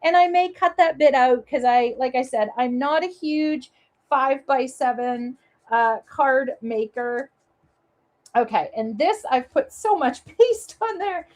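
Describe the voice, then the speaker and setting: A woman's voice: high-pitched, a little slow. A woman from Maine with a Maine accent, hosting a live papercraft demo and chatting to viewers as she works. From Maine, USA. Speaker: papercraft show host. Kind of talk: live crafting demo chat.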